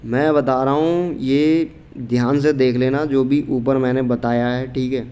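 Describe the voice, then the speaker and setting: A man's voice: mid-range voice, steady tone, a little slow, warm tone, smooth. A man teaching a casual exam-prep grammar lesson, talking informally to students, going through answer options and checking often that they follow. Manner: informal, repeats "theek hai" often, reads out answer options.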